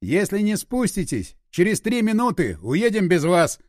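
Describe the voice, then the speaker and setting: Man reading a gruff male stranger, terse and commanding, storybook voice. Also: sits high, lively intonation, normal speed, a little mellow, dry recording, studio quality. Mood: shouting orders. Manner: terse, barking orders.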